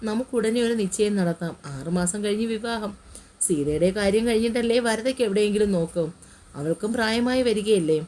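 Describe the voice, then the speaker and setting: Bossy, fond middle-aged mother, brisk and scolding; woman narrator doing the voice. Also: mid-range voice, darkish tone, slight background noise, lightly acted.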